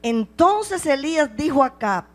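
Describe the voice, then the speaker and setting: A woman's voice: sits high, sing-song, measured pace. A woman preaching a sermon with passion, driving her points home with repeated rhetorical questions.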